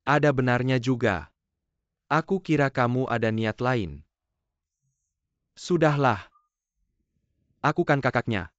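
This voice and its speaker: A smug, condescending older brother, as a male dub actor plays him, mocking and teasing in dubbed TV drama dialogue. His voice is of middle pitch. The recording is dry and dull. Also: slow, pauses often, no echo, lightly acted.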